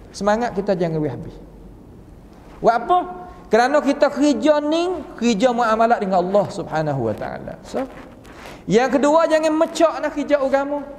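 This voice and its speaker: A man's voice: sits high, darkish tone, a little hiss or hum. A man with a Kelantan-Patani Malay accent giving a Quran commentary lesson as a religious teacher, folksy and full of rhetorical questions. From southern Thailand (Patani). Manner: folksy, asks rhetorical questions, acts out quoted voices. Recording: long reverb of a large hall.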